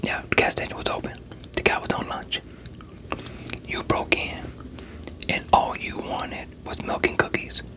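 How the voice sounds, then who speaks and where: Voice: a little slow, pauses often, close to an everyday voice. A performer in a whispered role-play voicing a veteran police interrogator who coaxes and pressures a suspect in a sceptical, streetwise way. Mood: sceptical, pressing.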